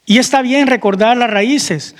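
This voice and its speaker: A man's voice: extremely high pitch, a little slow, big-room sound. A man preaching a sermon as pastor, asking the congregation questions and calling out amen. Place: church hall.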